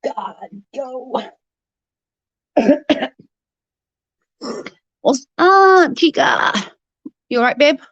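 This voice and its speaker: A woman hosts a livestream, chatting casually with viewers and greeting them by name, though she's congested, coughing, and her blocked-up, snotty voice is starting to go. Her voice is high-pitched, expressive, gravelly and fairly bright, and she speaks extremely slowly with long pauses. The sound is lo-fi with no echo.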